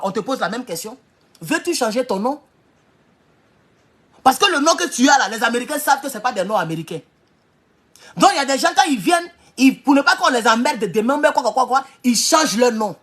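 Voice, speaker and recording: A man giving a heated political monologue, hammering rhetorical questions and sometimes shouting. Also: very high voice, lively intonation, fairly quick, breathy edge. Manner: emphatic, repeats rhetorical questions, bursts into shouting. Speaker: political commentator.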